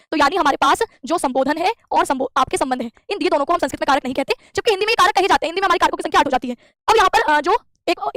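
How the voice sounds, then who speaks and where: Fast high-voiced woman teaching grammar. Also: fairly bright tone, no echo, studio quality. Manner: explains step by step, asks and answers own questions. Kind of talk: exam-prep lecture. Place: classroom with a board.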